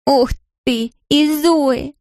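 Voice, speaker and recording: A narrator voicing a distraught young daughter who pleads in a high, shaky, tearful voice. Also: steady tone, moderate pace, darkish tone, no room sound, clean studio sound. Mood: sarcastic. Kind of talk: audiobook character voice.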